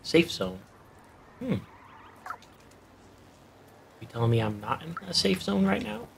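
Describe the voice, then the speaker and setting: A young man casually commenting while he plays a video game, chatty and quick to react and laugh. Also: fairly high pitch, very animated, creaky, noisy background. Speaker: gaming YouTuber. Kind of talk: casual let's play commentary. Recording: game music behind the voice. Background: game music.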